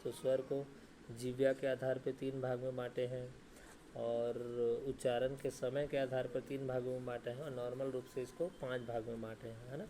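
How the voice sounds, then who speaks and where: A man teaching a grammar lesson who asks questions and answers them himself, often adding "ठीक है" and "है ना", and draws out sounds slowly to show them. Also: medium pitch, level tone, warm tone, a little hiss or hum.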